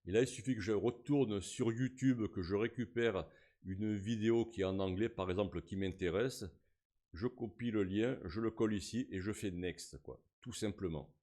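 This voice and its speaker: Man, lowish voice, casual tutorial narration, filler-heavy step-by-step. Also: moderate pace, dark tone. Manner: casual, talks through each click with fillers. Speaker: tutorial host. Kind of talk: screen-recorded software tutorial.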